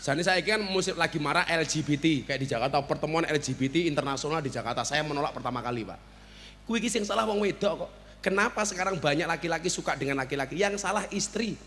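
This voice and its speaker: A man with a Javanese accent preaching a humorous sermon, joking and bantering with the audience and now and then breaking into shouts. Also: fairly high pitch, expressive, quick pace, slight background noise. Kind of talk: humorous sermon at a village gathering.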